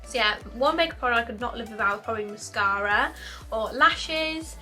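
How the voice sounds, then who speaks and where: A British YouTuber in her twenties chats casually to camera in an upbeat Q&A, often repeating herself. She talks fairly quickly in a high-leaning voice that sounds pushed and bright, with faint music playing behind her.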